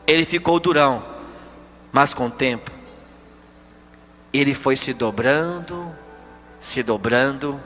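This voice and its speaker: High-voiced preacher with slow dramatic telling. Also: male voice, sharp tone. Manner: slow, dramatic storytelling that rises to fervent appeals. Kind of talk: sermon with storytelling. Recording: long reverb, faint music behind.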